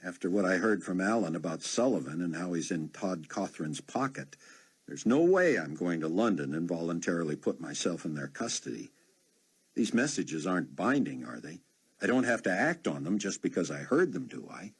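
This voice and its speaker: A man's voice: sits low, sing-song, moderate pace, slightly rough, exaggerated voice. A narrator doing a wary, defensive man. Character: wary male journalist, defensive.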